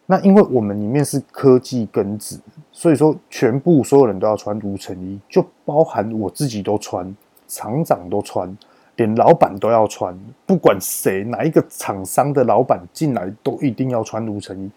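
A man with a Taiwanese Mandarin accent, telling a work story as a podcast host in a casual, animated way, stretching his sentence-final particles for emphasis. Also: lowish voice, moderate pace, slightly rough.

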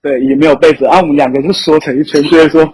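Over poor, rough amateur podcast audio with a little hiss or hum, this young man speaks very fast in a slightly high, darkish voice with a steady tone. He's a guest with a Taiwanese accent who shares casual stories, chuckling often.

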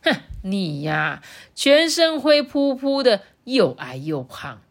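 A woman's voice: medium pitch, very animated, normal speed, fairly bright tone. A woman voicing a rude, hungry male elephant bully who sneers and snorts as he talks. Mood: sneering.

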